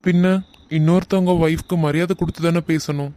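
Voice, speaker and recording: A man voicing an earnest young man in an animated love drama, with a Kanyakumari Tamil accent and a subdued manner. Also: a little high, brisk, close to an everyday voice. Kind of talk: animated web series voice acting.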